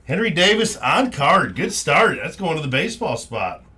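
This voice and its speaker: A man's voice: on the high side, very animated, moderate pace, bright, forceful tone. A man hosting a live card break in casual, upbeat, informal chat. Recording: clearly noisy, packs crinkling. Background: crinkling and clicking of card packs.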